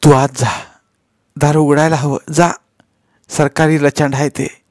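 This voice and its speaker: A man's voice: fairly high pitch, little pitch movement, a little slow, no room sound, studio quality, pitched above the performer's own voice, natural voice. A man voicing an anxious, pleading village mother. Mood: urgent. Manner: urgent, pleading.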